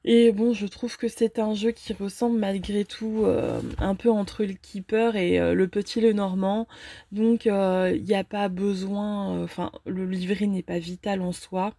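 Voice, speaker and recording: A woman casually unboxing and reviewing a fortune-telling card deck, talking hesitantly with many filler pauses. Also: mid-range voice, fairly even intonation, creaky, mellow, no echo.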